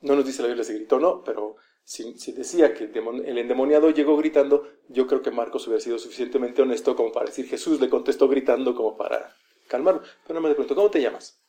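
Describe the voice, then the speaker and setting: Male preacher, mellow tone, conversational sermon delivery. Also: medium pitch, quick pace. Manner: conversational, acts out quoted voices.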